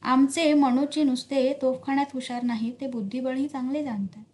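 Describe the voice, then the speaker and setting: A woman voicing a seasoned, patronizing older male general who talks in a smooth, coaxing way in a storybook reading. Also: high-pitched, steady tone, normal speed, darkish tone, close to an everyday voice.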